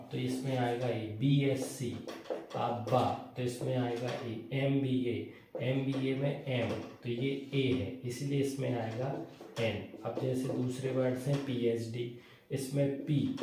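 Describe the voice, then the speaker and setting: Man teaching a grammar class, asking and answering his own questions, faint hiss behind, quite echoey. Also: mid-range voice. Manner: asks questions and answers them himself. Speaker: English teacher. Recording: echoey room, voice from far off, faint noise.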